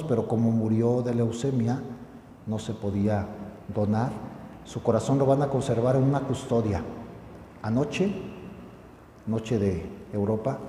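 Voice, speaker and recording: A parish priest gives a homily in an easy, conversational way, circling back and restarting his phrases as he goes. His voice sits low and sounds dark and mellow. It rings out through a church with a long, trailing reverb and a faint hiss underneath.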